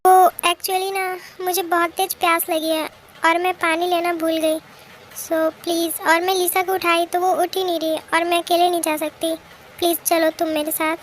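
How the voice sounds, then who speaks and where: A woman's voice: extremely high pitch, level tone, normal speed, a little hiss or hum. A woman voicing a timid, easily frightened young woman who pleads and mutters to herself in a fan-made drama dub. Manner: anxious, pleading, talking to herself.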